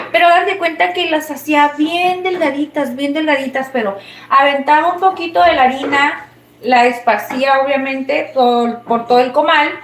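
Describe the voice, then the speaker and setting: A woman's voice: high-pitched, fairly bright tone, roomy sound, slight background noise. A woman with a Mexican accent chatting casually and rambling while she cooks, often laughing. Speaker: cooking vlogger. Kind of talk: casual chat while cooking.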